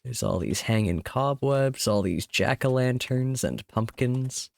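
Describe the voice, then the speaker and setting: On his live stream, a man chats casually while gaming, rambling and laughing softly into a desk microphone. He sounds sick, tired, and slightly hoarse, with a creaky mid-range voice, a somewhat slow pace, and no room sound.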